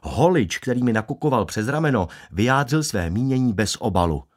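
A man's voice: mid-range voice, lively intonation. A man narrating a first-person audiobook in a wry, ironic way.

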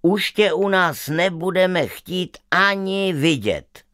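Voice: mid-range voice, lively intonation, fairly bright tone, no room sound, clean studio sound, pitched above the performer's own voice, lightly acted. A storyteller doing stern, strict storybook parents. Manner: stern and warning.

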